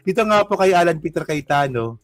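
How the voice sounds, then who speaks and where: A man's voice: on the high side, expressive, a little fast, dry recording, soft background music. A man with a Filipino accent giving casual political commentary, mocking and rambling as he reacts to clips. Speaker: commentary vlogger.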